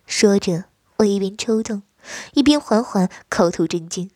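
A woman narrating an audio story in a soft, hushed, breathy voice. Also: mid-range voice, lively intonation, a little slow, no room sound, clean studio sound.

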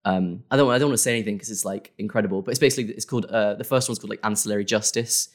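Young guy, lowish voice, loose rambling guest chat, full of "like" and "um". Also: very fast. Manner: rambling, many fillers and self-corrections. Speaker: guest creator. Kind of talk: casual interview.

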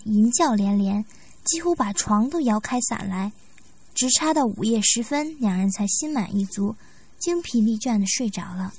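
Husky-voiced woman reading a story. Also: a little high, a little mellow. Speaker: narrator. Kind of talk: scripted audiobook narration.

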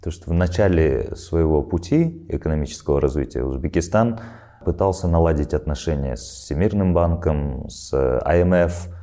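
A man's voice: extremely low pitch, normal speed, mellow. A man interviewing a guest in a conversational podcast style, circling tentatively into his questions.

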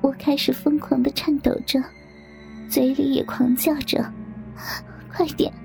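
A young woman reading a story aloud in hushed, intimate whispered narration. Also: high-pitched, flat delivery, moderate pace, faint music behind. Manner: hushed, intimate, breathy delivery.

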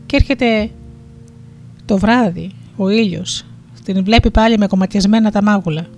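Steady folktale narrator over soft music. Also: mid-range voice. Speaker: storyteller. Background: faint music.

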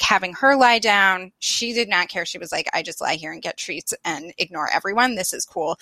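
A woman in her thirties telling a story in a casual conversation, animated and self-deprecating, often laughing. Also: on the low side, no echo. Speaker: guest.

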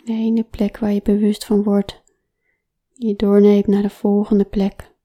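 Very mellow, slow whispering woman. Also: mid-range voice. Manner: soft, calm, often whispering. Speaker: relaxation guide. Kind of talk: guided body-awareness exercise.

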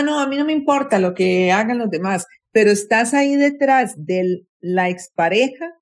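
A woman giving advice on mental health in an interview, speaking slowly and emphatically and acting out complaining voices. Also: medium pitch. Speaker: guest psychologist.

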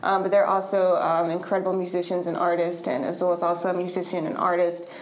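A woman hosting a podcast, introducing the show and her guest with friendly, softly hesitant phrasing. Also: on the low side, level tone, quick pace. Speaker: podcast host.

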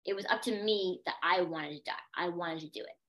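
A woman's voice: lowish voice, brisk, fairly bright tone. A young adult woman, a podcast guest, telling a personal story with intense emphasis and repeated phrases.

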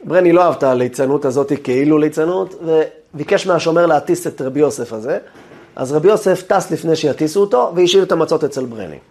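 A man, a rabbi, giving a lesson as an animated, dramatic storyteller. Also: a little high.

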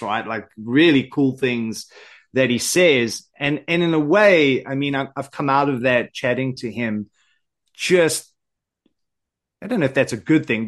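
A man with a South African accent, hosting a podcast in relaxed, friendly chat, full of fillers. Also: medium pitch. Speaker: podcast host.

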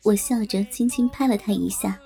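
A woman telling a story in the first person, in a colloquial, brisk storytelling manner. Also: mid-range voice, creaky, mellow, faint music behind. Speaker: narrator.

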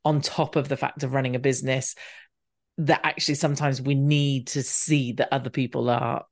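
A woman, hosting a podcast interview in a chatty, animated way. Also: a bass voice, moderate pace. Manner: chatty and animated, laughs often. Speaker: podcast host. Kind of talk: casual interview chat.

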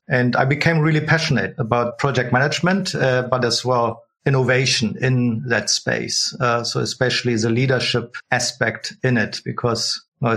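Middle-aged man, interview guest, halting speech, lots of fillers. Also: mid-range voice, fairly bright tone. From Germany. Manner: hesitant, many fillers and restarts. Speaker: guest, project management coach. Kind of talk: casual interview talk.

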